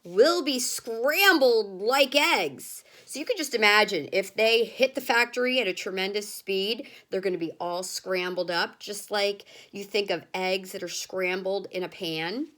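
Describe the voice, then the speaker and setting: A woman teacher explaining similes and reading a children's story aloud, gentle and patient. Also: mid-range voice, fairly even intonation. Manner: gentle, explanatory, slow with pauses. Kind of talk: read-aloud lesson for children.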